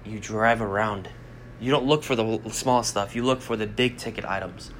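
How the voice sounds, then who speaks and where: Bright-voiced man giving blunt pep talk. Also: lowish voice, normal speed, slight background noise. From United States. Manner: blunt, swears freely, rambling. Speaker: podcast host. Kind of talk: casual motivational monologue.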